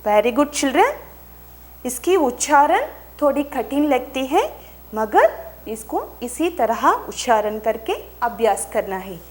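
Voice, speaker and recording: Slow, lively woman teacher. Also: fairly high pitch. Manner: very slow, drawn-out syllables with repeat-after-me prompts. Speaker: primary school teacher. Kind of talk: slow drilled phonics lesson for young children.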